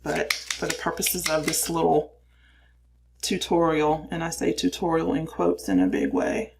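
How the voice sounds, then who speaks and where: A woman's voice: low voice, little pitch movement, unhurried, creaky, slight background noise. An older woman chatting casually through her makeup routine in a cramped little space, explaining as she goes and poking fun at herself. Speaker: makeup reviewer.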